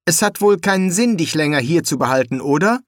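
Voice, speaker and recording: A man's voice: on the high side, lively intonation, brisk, dry recording, studio quality, voice pushed up, close to an everyday voice. A man reading an audiobook and voicing an insistent, commanding young boy who makes demands. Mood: probing. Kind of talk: audiobook character voice.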